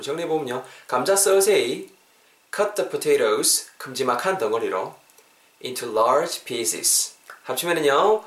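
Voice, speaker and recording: A young man, hosting a podcast English lesson in a lively, chatty way and repeating phrases slowly for practice. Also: mid-range voice. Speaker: English teacher and podcast host. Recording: roomy echo.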